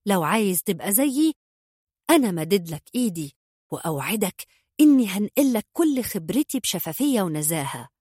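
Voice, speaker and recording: A woman's voice: mid-range voice, sing-song, a little fast, darkish tone, slightly rough, dry recording, studio quality. Woman voicing a boastful Egyptian gangster recruiter. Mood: smooth pitch. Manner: boastful, showy, eager. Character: flamboyant smug young gangster recruiter man.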